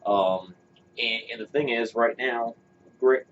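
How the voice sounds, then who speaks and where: This male co-host speaks slowly in a mid-range voice with a fairly bright tone. He rambles casually through his opinions, restarting sentences and using fillers. The audio is lo-fi and dull, with faint hiss in the background.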